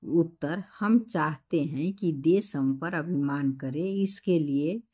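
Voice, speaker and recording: A woman teacher reading out textbook questions and dictating the answers slowly and carefully. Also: low-pitched, warm tone, husky. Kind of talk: explaining textbook answers to a class.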